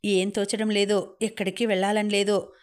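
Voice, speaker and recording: This is a playful, talkative young woman who likes to tease her friend, voiced by a female audiobook reader. She chats lightly in an even, level voice with a middling pitch. It is read as one character in a narrated story. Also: normal speed, close to an everyday voice. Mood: teasing. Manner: playful, chatty.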